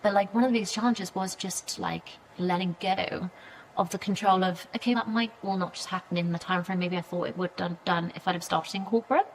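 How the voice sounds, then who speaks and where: A woman's voice: on the low side, steady tone, brisk, few pauses, slight background noise, poor audio. A woman in her thirties, a PR agency founder, talking as a podcast guest in a loose, chatty way, full of fillers and acted-out quotes of her own reactions. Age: 30s. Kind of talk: casual interview conversation.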